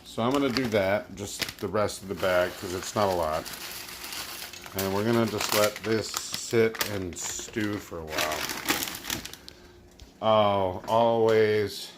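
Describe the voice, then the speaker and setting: A man's voice: on the low side, slow, background noise. A tipsy man hosting a casual home cooking video, loose and chuckling as he talks viewers through the dish. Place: home kitchen.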